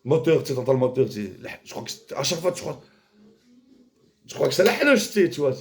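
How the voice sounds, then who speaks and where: A man rambling in a casual, vulgar monologue, jumping between mumbles and shouts. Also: medium pitch, very animated, fast talker.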